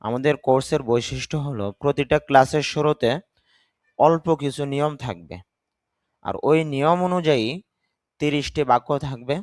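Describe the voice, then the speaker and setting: A man teaching English grammar, reading example sentences slowly, translating them and correcting the pronunciation of words. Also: mid-range voice, no echo. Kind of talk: slow grammar lesson.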